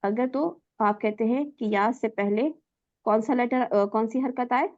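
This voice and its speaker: A woman leads a recitation class, her voice pitched a little high as she questions her students and sounds out each letter for them. The audio is dry and somewhat dull, like an online class recording. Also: darkish tone, no room sound. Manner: asks students questions and praises answers; demonstrates letter sounds aloud. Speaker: Quran recitation teacher.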